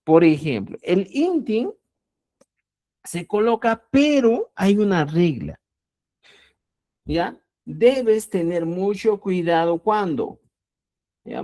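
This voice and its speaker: Slow, lively-voiced woman teaching language. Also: lowish voice. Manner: slow and deliberate, repeats key words and checks understanding with "¿ya?"; addresses listeners as "estimados amigos". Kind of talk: explanatory online language lesson.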